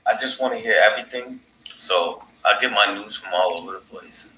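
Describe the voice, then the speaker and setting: A man's voice: lowish voice, normal speed, bright, forceful tone, slight background noise. A man hosting his own podcast in a casual, rambling monologue, laughing at his own stories. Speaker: podcast host. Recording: echoey room.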